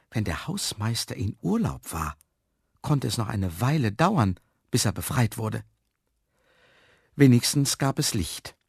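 A man reading a children's story aloud, expressive and lively. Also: lowish voice, creaky, husky, no room sound, clean studio sound.

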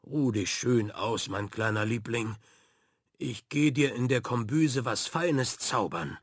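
Brief: a boisterous sea-captain father in a children's audiobook, voiced by a man, hearty and slow-spoken, with a dry, close sound. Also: mid-range voice, animated, breathy edge, no room sound. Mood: caring. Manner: hearty, exclamatory.

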